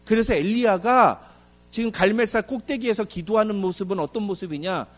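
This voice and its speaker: A male pastor preaching a sermon in an animated way, asking the congregation questions and acting out dialogue. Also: high voice, a little fast.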